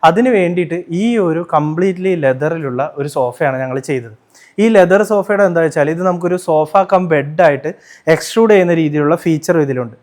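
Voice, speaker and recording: A man with a Malayali accent presenting a home tour and demonstrating furniture in a sales-pitch manner. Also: fairly quick, a little mellow. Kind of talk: product demo and home tour.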